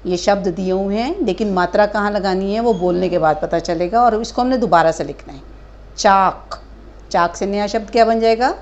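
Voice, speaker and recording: A woman teaching a kindergarten Hindi lesson, stretching out each word slowly and asking gentle questions of young children. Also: mid-range voice, lo-fi sound. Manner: slow drawn-out syllables modelling words for children; patient questioning, addresses children as beta.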